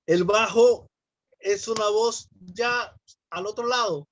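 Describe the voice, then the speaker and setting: A man's voice: sits high, slow, no room sound, muffled recording. A man, a pastor, teaching a church class on public speaking. He explains terms, asks the class questions and acts out sample greetings.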